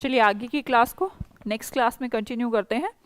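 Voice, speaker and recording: A woman teaching a spoken English class, explaining patiently and saying example sentences slowly. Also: fairly high pitch, a little hiss or hum. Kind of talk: online class teaching, mixing Hindi and English.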